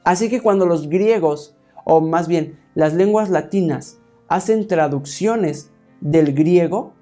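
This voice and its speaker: Soft music plays under a slow, warm, fairly high-pitched male voice giving a Bible teaching sermon. Calling his listeners "hermanos," he lays out each point in order and keeps checking in with "¿sí?"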